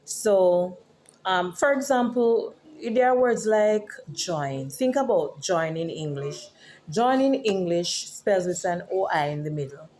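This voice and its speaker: A woman's voice: fairly low pitch, lively intonation, slow, a little mellow, a little hiss or hum. A woman from Jamaica with a Jamaican accent, a teacher and author talking casually to camera and explaining words like a lesson. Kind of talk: casual vlog.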